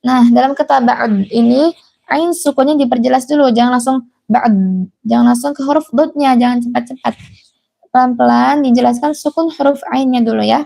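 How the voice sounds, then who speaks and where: A woman teaching Quran recitation in a live class, chanting verses slowly and then explaining patiently, repeating the mistakes to avoid. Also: sits high, fairly even intonation, vocal fry, mellow.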